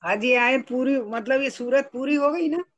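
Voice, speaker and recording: A woman's voice: high voice, normal speed, dull audio. A woman student in an online class, asking hesitant questions about her recitation.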